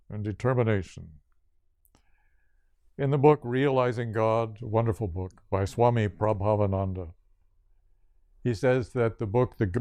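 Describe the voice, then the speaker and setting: Older man, yoga teacher, unhurried delivery, clear resonant voice, dry close sound. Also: fairly low pitch, a little mellow, no echo. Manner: slow, deliberate, in short listed phrases. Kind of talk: spiritual talk.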